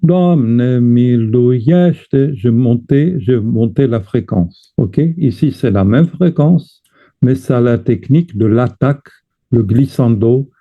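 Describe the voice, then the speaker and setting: A man teaches a chant lesson at a very slow, deliberate pace, pausing to sing short chant phrases. His pitch sits in a middle range. The recording is thin and tinny, like a phone line. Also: breathy edge. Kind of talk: teaching lesson with sung examples.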